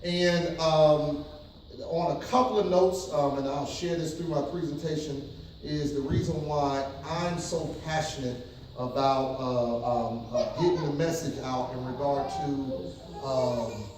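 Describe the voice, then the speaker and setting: A New York City pastor with a slightly high, mellow voice speaks slowly at a casual church workshop, hesitating with many ums and often asking the audience questions for call-and-response. He is recorded from a distance in an echoey hall, with slight background noise.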